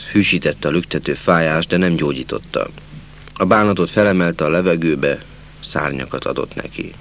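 A man reading a literary novel aloud as an audiobook narrator, slow and measured, dropping to a hush at sad passages. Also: very deep voice, creaky, slight background noise.

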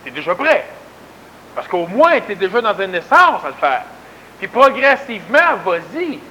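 A man's voice: high voice, big pitch swings, a little slow, sharp tone, a little hiss or hum, poor audio. A man with a Québécois accent giving a folksy, emphatic conversational talk, often repeating words for stress. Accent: Québécois French. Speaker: spiritual lecturer. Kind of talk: conversational lecture.

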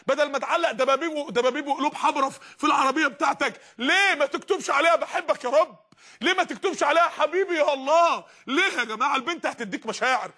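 High, fast, impassioned Egyptian preacher. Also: male voice. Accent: Egyptian Arabic. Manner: impassioned, swings from pleading to shouting. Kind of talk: sermon.

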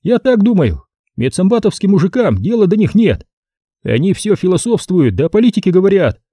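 Sly flirtatious army captain, put on by a male reader, cheeky and wheedling, lively, mellow tone. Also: high voice, fairly quick, husky, no room sound, pitched above the performer's own voice, exaggerated voice. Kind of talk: audiobook character voice.

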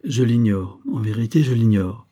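A man's voice: mid-range voice, moderate pace, warm tone, lightly acted. A man voicing a worried young captain, sad and puzzled, in an audiobook reading. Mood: bewildered. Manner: bewildered, sad. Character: anxious young male army captain in love.

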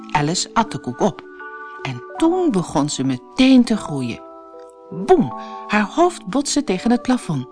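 Storyteller, woman from the Netherlands, lively children's story reading, lowish voice, soft music behind. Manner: lively, expressive narration.

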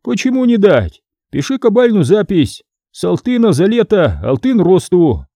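A man voicing a self-assured moneylender merchant who speaks in a calm, businesslike way. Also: high voice, normal speed, no echo, clean studio sound, voice pushed up, heavily acted. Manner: businesslike, unbothered.

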